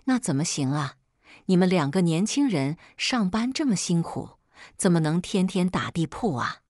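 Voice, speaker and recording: A pushy older mother-in-law in an audio story, fawning and fussy, as a woman reader puts her on with a low, lively, dry voice. Her pitch rises and falls a lot. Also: moderate pace, no room sound. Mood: fussing.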